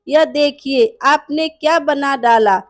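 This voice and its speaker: A woman's voice: high-pitched, takes it slowly, dry recording, clean studio sound. A woman voicing a sly young daughter-in-law who pleads sweetly and mocks her mother-in-law in a storybook tale.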